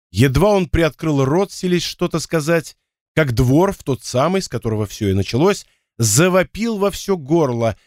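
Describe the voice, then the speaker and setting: A man reads an adventure audiobook with a lively, animated delivery and a voice pitched a little high. The recording is dry and close, with no room sound. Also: no echo. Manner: lively, expressive reading. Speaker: audiobook narrator. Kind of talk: audiobook narration.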